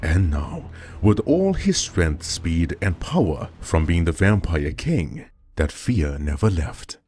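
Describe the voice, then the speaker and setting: A man narrating a scripted horror story as storyteller, with dramatic, expressive delivery. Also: deep voice, slow, slight background noise.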